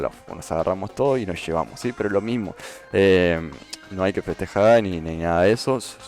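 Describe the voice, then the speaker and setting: A man's voice: deep voice, a little mellow. A man giving casual gameplay commentary as a YouTuber, explaining step by step and often checking in with "¿sí?". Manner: explanatory, repeats "¿sí?" to check understanding. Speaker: gaming YouTuber. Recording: faint game music behind.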